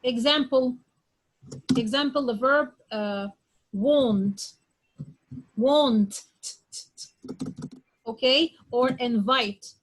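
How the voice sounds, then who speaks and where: Slow, high-voiced woman teaching pronunciation. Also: poor audio. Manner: repeats examples and checks understanding with "okay?"; drills word sounds aloud one at a time. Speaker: English teacher. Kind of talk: classroom pronunciation lesson.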